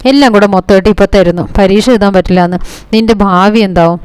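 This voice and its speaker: A woman's voice: mid-range voice, fairly even intonation, fast talker, darkish tone, clear, resonant tone, no echo, natural voice. A woman voicing an adult male husband from a TV serial, who speaks in a firm and encouraging way.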